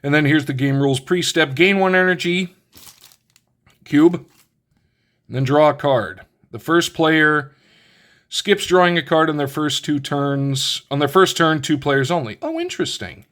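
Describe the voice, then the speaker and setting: A man's voice: on the high side, unhurried, a bit bright. A man hosting his own channel, casually thinking aloud as he reads through a card game's rules and lays out the pieces. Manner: thinks aloud while reading rules, with many restarts and asides. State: has the hiccups. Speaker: channel host reviewing a card game. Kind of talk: casual unboxing commentary.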